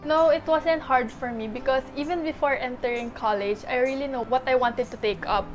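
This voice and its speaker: A woman in her twenties calmly answering interview questions about college. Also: high voice, moderate pace, music in the background. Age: 20s. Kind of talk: recorded self-introduction.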